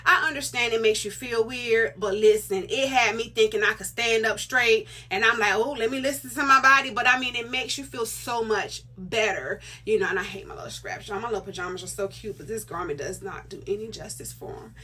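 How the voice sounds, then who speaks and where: Here the middle-aged vlogger uses a mid-range voice that still sounds bright and forward, speaking briskly with hardly any pauses. She addresses her viewers casually and emphatically, repeating points for emphasis.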